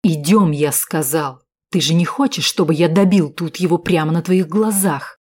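A cruel, possessive villain in an audiobook story, dragging out his words with gloating menace and pushing them out hard. A woman reads him with a slightly lowered voice. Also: normal speed, darkish tone, slightly rough. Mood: menacing.

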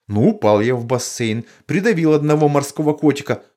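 A man's voice: fairly high pitch, expressive, brisk, mellow, pitched above the performer's own voice, close to an everyday voice. A man reading an audiobook, voicing a bumbling, good-natured middle-aged father who rambles sheepishly.

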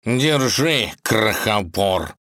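A man's voice: mid-range voice, very animated, slow, a bit bright, no room sound, clean studio sound, voice pushed up. Curt, greedy scholar cat in a fairy tale, voiced by a male narrator. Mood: grumpy. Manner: curt, grudging.

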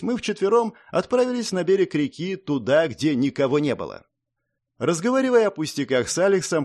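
A man narrating an audiobook in the first person with an expressive reading. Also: on the high side.

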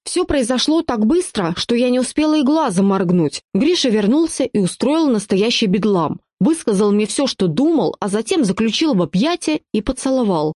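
A woman's voice: fairly high pitch, very animated, moderate pace, few pauses, a little mellow, no room sound, studio quality. Woman narrating an audiobook. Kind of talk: first-person audiobook narration.

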